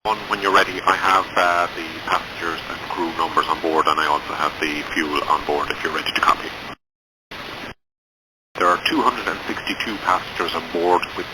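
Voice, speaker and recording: A man's voice: sits low, a little fast. A man reporting figures over the radio as an airline pilot. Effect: radio transmission. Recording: noisy aviation radio.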